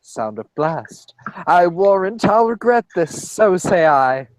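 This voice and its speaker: A man's voice: sits high, very animated, takes it slowly, dry recording, full character voice, low-quality recording. A man reading a pompous golden droid in Shakespearean verse, fussy and scolding. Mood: fussy indignant.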